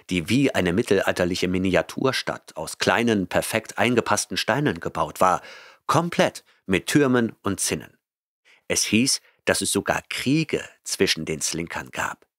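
A man narrating a science-fiction audiobook in a measured, even storytelling manner on a close studio mic. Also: low voice, dry recording. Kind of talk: scripted narration.

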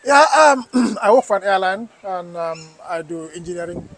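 High-voiced man from the Gambia, calm. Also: rough recording. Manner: measured, calm, some hesitation. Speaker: interviewee. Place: park outdoors.

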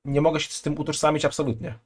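A man's voice: a little high, flat delivery, very fast. Joking young man on a live stream. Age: 20s. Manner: joking, chatty, loose slangy asides. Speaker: streamer reacting to a video. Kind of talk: casual live-stream commentary. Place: small room at home. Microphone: headset.

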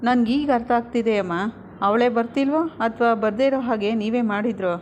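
A defensive shop manager answers back, read out by a woman narrator. The voice stays fairly high, and the recording is dull and lo-fi. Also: fairly quick, darkish tone, slight background noise, natural voice.

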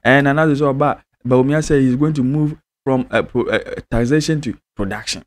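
A young man with a Ghanaian accent giving casual news commentary in Twi and English, talking in an animated, emphatic way into a studio mic. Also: medium pitch, fairly quick. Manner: animated, emphatic, switching languages. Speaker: news presenter. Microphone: studio mic on a stand in front of him.

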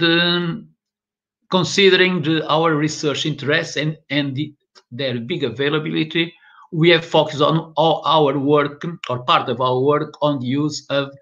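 A man's voice: fairly high pitch, fairly bright tone. An older man from northern Portugal with a Portuguese accent gives an online lecture in English, hesitating and repeating words often. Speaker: professor. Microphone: webcam video call. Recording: lo-fi video call audio.

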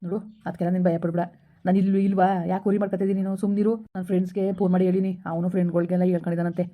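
A woman playing a young man who has eloped with his girlfriend and keeps calming her, in a village skit. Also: on the low side, racing, close to an everyday voice. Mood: soothing. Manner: soothing, urging calm, repeating himself. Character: young man Sharath, eloping lover, soothing. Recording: dull lo-fi recording.

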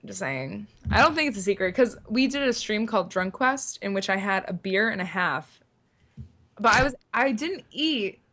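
A woman's voice: medium pitch, lively intonation, moderate pace, sharp tone. A woman guest streamer chatting casually and laughing at herself during a board game session. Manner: giggly, self-mocking. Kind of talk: casual chat while playing a board game.

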